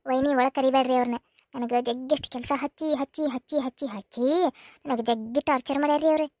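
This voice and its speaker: A woman's voice: sits high, fairly even intonation, quick pace, darkish tone, no echo, studio quality, natural voice. A woman voicing a spoiled, sulky young wife in a cartoon comedy, with a North Karnataka accent, whining and repeating her complaints. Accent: North Karnataka Kannada. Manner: whiny, complaining, repeats herself.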